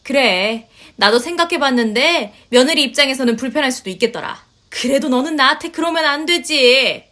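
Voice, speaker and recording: A nagging, indignant older mother-in-law played by a woman in a narrated story, set in a high register. She scolds and sighs in huffy complaints, pushing every grievance. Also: lively intonation, a little fast, few pauses, sharp tone. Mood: grumbling. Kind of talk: storytelling voice acting.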